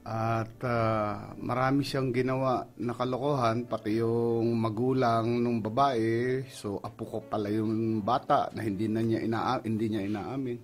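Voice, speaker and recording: A man's voice: mid-range voice, steady tone, unhurried, hardly any pauses. A middle-aged Filipino man, a pastor, giving an earnest personal testimony in Tagalog mixed with English. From Philippines. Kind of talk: emotional testimony on a radio program.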